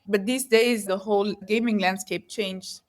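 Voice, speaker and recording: A woman's voice: medium pitch, fairly even intonation, unhurried. A woman who grew up in the Netherlands, a guest in an interview, talking in an earnest, reflective way and often searching for words. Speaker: guest entrepreneur.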